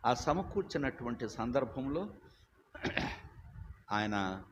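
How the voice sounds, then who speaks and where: Older male preacher, loud and emphatic storyteller, slight hiss behind. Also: medium pitch, very animated, slow. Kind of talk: sermon. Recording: dull lo-fi recording with faint hiss.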